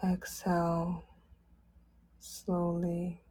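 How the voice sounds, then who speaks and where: Woman guiding a meditation, lowish mellow voice, soft and gentle. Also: completely flat delivery, breathy edge. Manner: soft, gentle, drawn-out phrasing. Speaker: meditation guide. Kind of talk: guided meditation.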